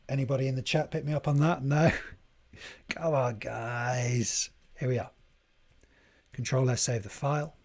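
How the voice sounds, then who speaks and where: A man hosting a live coding tutorial stream, thinking aloud in a deliberate way and chatting to viewers as he works. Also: mid-range voice, slightly rough. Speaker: livestream coding host.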